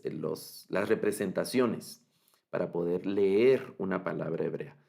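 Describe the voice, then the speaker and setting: A man with a low voice gives an online master class in Bible Hebrew. He explains step by step, with fillers and restarts, and often checks that his students follow. His voice has a gravelly, creaky edge. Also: darkish tone.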